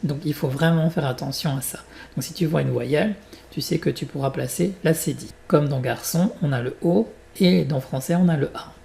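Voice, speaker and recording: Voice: mid-range voice, normal speed, gravelly, warm tone. A French teacher giving a beginner pronunciation lesson, articulating each word carefully, repeating examples and adding short English glosses.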